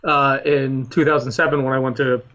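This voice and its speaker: Interviewed on a podcast, this Philadelphia historian in his thirties talks a little fast with a medium pitch, fairly even intonation and a sharp tone. He is earnest and uses emphatic repetition. The audio is dull.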